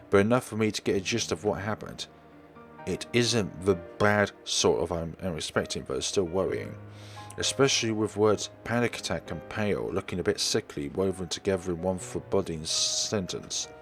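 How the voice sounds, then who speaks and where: A let's player with a fairly low voice reads first-person visual novel narration aloud, putting expression into it. Now and then he stumbles over a word and corrects himself on the fly, while background music plays underneath.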